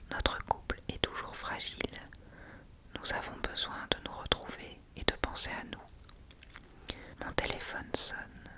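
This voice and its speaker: A reader narrates a novel for ASMR in a soft whisper. The delivery stays hushed and breathy, as if whispered in a library, with the voice almost entirely unvoiced. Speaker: audiobook-style reader.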